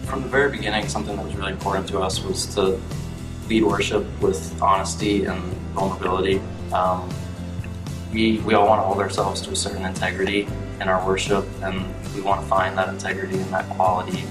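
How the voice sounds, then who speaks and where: A man's voice: sits low, flat delivery, fairly quick. A man from Memphis, a band's drummer, speaking in a promo video. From Memphis, USA. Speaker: band drummer. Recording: roomy, distant, with music behind.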